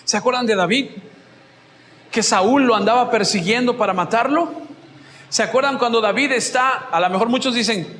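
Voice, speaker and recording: A man preaching a sermon as pastor, telling Bible stories with lively energy and acting out the scenes. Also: very high voice, moderate pace, roomy sound, in a large hall, a little hiss or hum. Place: church.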